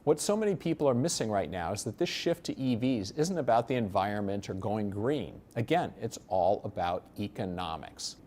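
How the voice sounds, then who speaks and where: A man's voice: lowish voice, warm tone. Male presenter, American accent. Scripted persuasive narration, assured, explanatory and emphatic. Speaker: presenter of an investment promotion.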